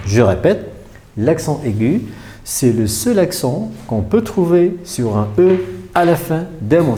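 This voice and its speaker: A male primary school teacher explains spelling rules patiently, one step at a time, with many examples. He repeats the key points and often pauses on hesitation fillers. His voice is warm and relaxed, and his pitch moves a lot. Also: slight background noise. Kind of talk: remote French spelling lesson.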